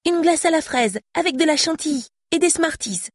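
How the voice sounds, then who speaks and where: A woman voicing an eager, chatty five-year-old girl in a high childlike voice. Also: animated, moderate pace, no echo, studio quality.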